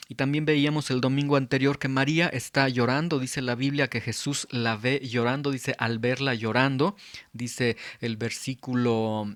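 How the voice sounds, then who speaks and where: A man's voice: medium pitch, a bit bright, no room sound. Earnest male pastor, dry close sound. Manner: earnest, emphatic teaching with frequent pauses. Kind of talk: expository Bible sermon.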